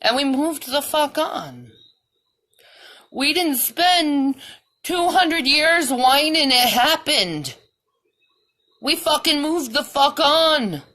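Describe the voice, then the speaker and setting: Woman vlogger, profane heated rant, slow delivery, sharp bright tone. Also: high voice, lively intonation. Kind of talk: ranting monologue.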